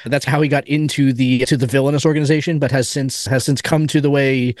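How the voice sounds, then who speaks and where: A man's voice: mid-range voice, fairly even intonation, brisk, darkish tone, dry recording. A man at a tabletop game describing his hero, joking with the table and often restarting his sentences. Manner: stammering restarts, jokey. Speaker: player. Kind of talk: casual chat.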